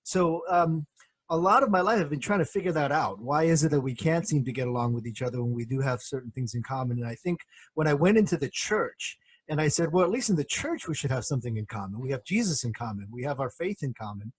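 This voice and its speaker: Man, middle-aged, husky, dry sound, reflective, measured. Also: medium pitch, expressive, dry recording. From born in Korea, grew up in the United States. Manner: measured, reflective, many soft fillers. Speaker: guest, professor and former pastor. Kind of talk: thoughtful interview answers.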